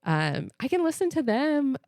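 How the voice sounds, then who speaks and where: An American woman co-hosting a podcast, talking in a chatty, animated way full of "like" and "literally". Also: high voice, moderate pace, dry recording, clean studio sound. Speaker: podcast co-host. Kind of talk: casual chat.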